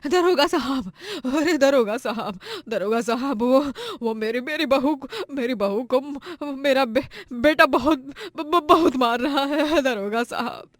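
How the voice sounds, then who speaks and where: A woman voicing an elderly, devoted mother-in-law in an animated story, pleading and stammering in panic. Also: a little high, unhurried, no room sound, natural voice. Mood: panicked. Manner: pleading, stammering when frightened.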